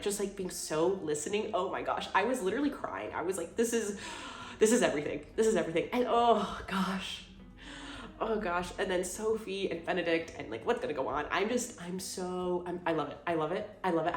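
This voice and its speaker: A young woman in her mid-twenties talks through her monthly favorites in a chatty, gushing way, with plenty of "like" and restarts. Her voice sits a little low for a woman. The room rings around her, and faint music plays underneath. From Houston, Texas. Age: 20s. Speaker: vlogger. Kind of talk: casual monthly favorites chat. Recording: roomy sound with faint music.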